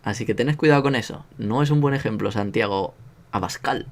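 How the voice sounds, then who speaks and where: A language teacher from Spain, speaking with a Spanish accent in a lowish voice at a slightly fast clip, runs a casual online lesson. He jokes at his own expense and drills sounds aloud.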